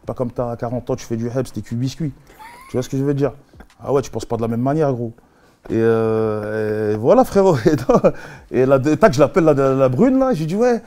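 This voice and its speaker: A man, an interview guest, telling his story casually in heavy street slang, animated and full of sound effects. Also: mid-range voice, a little fast.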